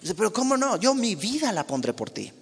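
A man preaching a sermon, expressive, acting out quoted dialogue and dropping to soft, quiet tones. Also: high voice, fairly quick, vocal fry, husky. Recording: long hall reverb.

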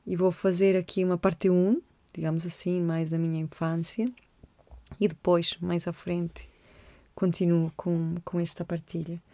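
A woman in her forties from Colombia, hosting a podcast and gently telling her own story, reflective and hesitant. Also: fairly low pitch, flat delivery, unhurried, no echo. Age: 40s. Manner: gentle, reflective, with frequent hesitations and repeated words. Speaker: podcast host. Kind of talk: personal storytelling monologue.

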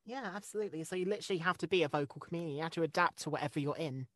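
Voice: medium pitch, a bit bright, dry recording, studio quality. An interviewer asking casual, friendly questions and agreeing readily. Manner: quick, agreeable, laughs easily.

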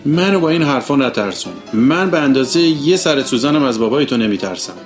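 A man voicing a scornful street boy who leads a gang, with a rough, hoarse, throaty voice. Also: mid-range voice, animated, soft background music, voice pushed up, close to an everyday voice.

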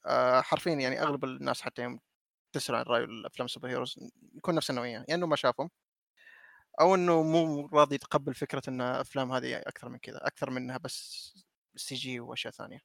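A man's voice: mid-range voice, steady tone, very fast, gravelly, a bit bright, dry recording. A man in a casual film discussion, speaking mixed with English words as a co-host. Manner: mixes English words into Arabic.

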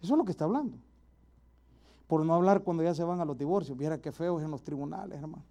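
High-voiced preacher man with a mellow tone. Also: quick pace. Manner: direct, exhorting, rhetorical questions to the listener. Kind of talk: sermon.

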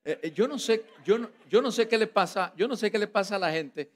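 High-voiced Costa Rican man preaching. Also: brisk. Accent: Costa Rican Spanish. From Costa Rica. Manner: playful, teasing, joking with the congregation. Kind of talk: lively sermon.

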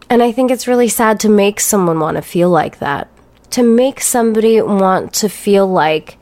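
Slow-talking blunt woman podcaster. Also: medium pitch, a little mellow. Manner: blunt, profane, ranting; sarcastic. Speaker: podcast host. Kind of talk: solo podcast monologue.

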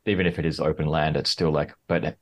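A man's voice: very deep voice, level tone, fast. A man as a podcast guest, talking casually and hesitantly, full of "like" and restarts. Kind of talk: casual interview chat.

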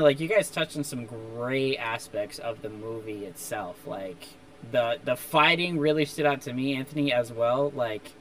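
A man's voice: medium pitch, a bit bright, slight background noise. A young man co-hosting a movie review chat, talking enthusiastically with emphatic asides. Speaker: movie review podcast co-host. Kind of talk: casual chat.

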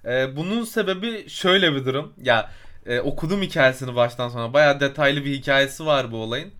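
In a laid-back chat on a travel podcast, a male co-host tells a lengthy story, wandering along with plenty of fillers and groping for words. His mid-range voice is a bit bright, and he speaks a little fast.

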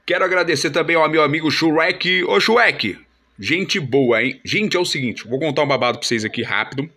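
A man hosting a casual show, slangy and full of fillers like "meu" and "mano," with sponsor shout-outs. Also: on the high side, moderate pace. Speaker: radio-style host. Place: studio. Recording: music playing clearly behind.

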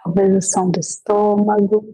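A woman leading a guided meditation. She gives gentle, unhurried instructions with long pauses between them. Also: medium pitch, little pitch movement, poor audio.

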